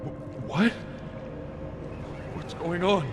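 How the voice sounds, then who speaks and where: An actor voicing a grieving, guilt-ridden male toy monster who swings between broken apologies and shouted threats. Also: sits high, background noise. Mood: confused. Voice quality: gravelly, slow, breaking voice. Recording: game audio with loud ambience.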